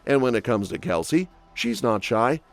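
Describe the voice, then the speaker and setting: Over a soft bed of music, a man reads a gossip script in a dry voice-over with no room sound, his mid-range voice animated and measured. His delivery leans snarky and full of quips.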